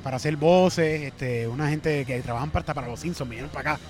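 A man with a Puerto Rican accent hosting a casual chat, excitable and joking, swearing freely. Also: on the high side, fast talker, soft background music. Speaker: host.

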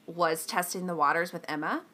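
A woman co-hosting a podcast in a casual, enthusiastic chat, full of "like" and quick agreement. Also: lowish voice, bright, forceful tone. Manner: enthusiastic, many likes and mm-hmms. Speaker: podcast co-host.

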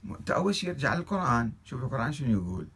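A man's voice: medium pitch, sing-song, very fast, fairly bright tone, slightly rough. A man with an Iraqi Arabic accent reads religious texts aloud and critiques them, arguing his case with a string of rhetorical questions. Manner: argumentative, fires off rhetorical questions. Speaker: religious commentator.

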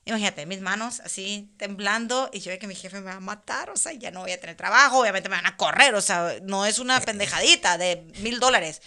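A woman in her thirties tells a personal story in casual chat. Her voice is bright and forward, and her delivery is animated, with laughter slipping in between her words. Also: mid-range voice, fairly quick, hardly any pauses. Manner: animated, laughs often while telling a story. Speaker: guest.

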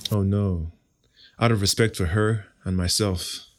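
Low-ish and unhurried, this male voice keeps a fairly steady intonation. He's a young Igbo-speaking Nigerian who serves as podcast host and interview guest, fielding questions with playful, self-assured confidence.

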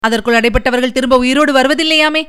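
A woman's voice: sits high, fast talker, a bit bright, clear, resonant tone. A woman reading the part of a grief-stricken young noblewoman in an audiobook, pleading and tearful.

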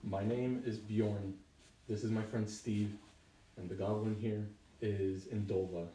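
A man's voice: on the low side, flat delivery, a little slow, warm tone, slight background noise, lightly acted. A man voicing a polite male adventurer in a tabletop game, speaking formally and carefully. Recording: roomy, from far off the mic.

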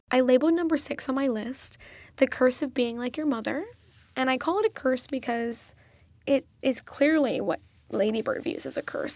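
A woman's voice: fairly high pitch, no echo. Earnest young woman podcast host. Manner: earnest, enthusiastic retelling of film scenes. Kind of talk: solo film review podcast.

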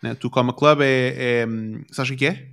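A man's voice: medium pitch, fairly even intonation, normal speed, gravelly, a bit bright, smooth. A man with a European Portuguese accent chatting casually, using plenty of slang and swearing freely. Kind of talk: casual chat.

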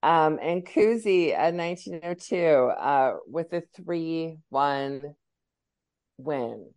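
Woman, low voice, slow, relaxed sports recap. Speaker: sports podcast co-host. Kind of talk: casual sports chat.

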